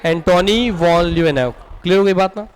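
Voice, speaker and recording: Brief: man, high voice, Chhattisgarh Hindi accent, coaching-class teacher who keeps quizzing the room, faint room hum. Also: a little fast. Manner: drills students with repeated questions and answers. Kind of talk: classroom lecture.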